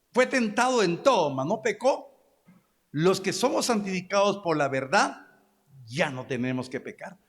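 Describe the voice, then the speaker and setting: A man's voice: high voice, fairly bright tone, long reverb tail. A man with a Guatemalan accent preaching a sermon as pastor, exhorting his congregation and calling for amens and agreement.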